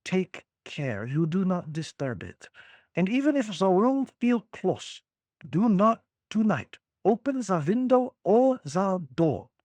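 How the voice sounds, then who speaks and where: A man voicing a confident elderly male professor with a put-on German accent and quiet, halting foreign phrasing. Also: high voice, very animated, dry recording, exaggerated voice. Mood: earnest.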